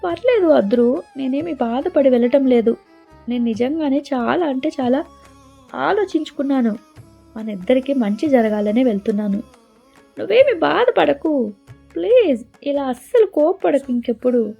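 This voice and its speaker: A woman voicing a tender young woman who pleads anxiously in a high voice, in a storybook reading. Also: sing-song, moderate pace, slightly rough, heavily acted. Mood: tearful pleading. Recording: dull lo-fi with faint music.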